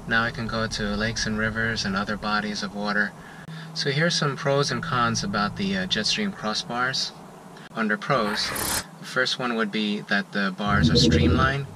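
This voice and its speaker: A middle-aged man talks through a product review from the driver's seat, his voice sitting a little low. He speaks plainly and without hurry, with the odd "uh." The dashboard-camera recording carries a heavy bed of background noise. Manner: plain, unhurried talk with "uh" fillers. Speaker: gear reviewer and angler. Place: inside a parked car.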